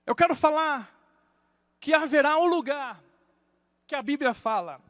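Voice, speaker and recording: A male pastor preaching a sermon, moving between hushed low asides and loud rising exclamations. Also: animated, unhurried, dry recording, long reverb tail.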